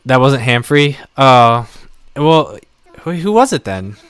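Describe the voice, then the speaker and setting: A man's voice: medium pitch, big pitch swings, takes it slowly, clear, resonant tone, dry recording. Rambling, chatty man live-streaming. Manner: chatty, rambling, warm toward viewers. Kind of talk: casual live-stream chat.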